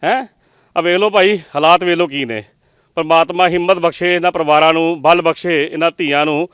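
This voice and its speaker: A man's voice: a little high, steady tone, fairly quick, a bit bright, clean tone, no echo, clean studio sound. A man from Punjab reporting from a flood-hit home, speaking in an emotional, consoling and sympathetic way. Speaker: field reporter.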